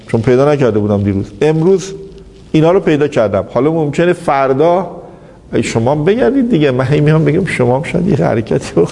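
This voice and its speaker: A man's voice: fairly high pitch, vocal fry, darkish tone. A man giving an anecdotal lecture, telling a story and animatedly quoting the people in it. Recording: reverberant hall, faint background noise.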